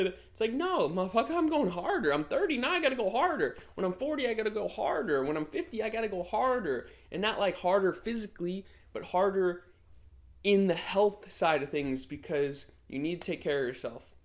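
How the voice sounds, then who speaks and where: A man's voice: sits high, very animated, a little fast. A man in his thirties talking in a casual vlog, brash and motivational, swearing freely. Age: 30s. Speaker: vlogger.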